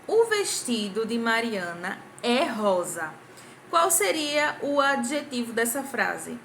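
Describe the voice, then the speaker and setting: A woman's voice: on the high side, fairly bright tone, a little hiss or hum. A young adult woman with a Brazilian Portuguese accent, a primary school teacher recording a patient grammar review for children, asking the class questions and clapping out syllables.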